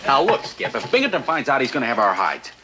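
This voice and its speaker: An actor playing a nervous, earnest young American navy officer in a sitcom, hesitant, stammering and excitable. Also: male voice, medium pitch, fast. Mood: anxious protest. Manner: earnest, easily swayed, excitable. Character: nervous, boyish, rule-abiding young male navy officer. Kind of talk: 1960s TV sitcom acting. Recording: noisy old TV sound, off-mic.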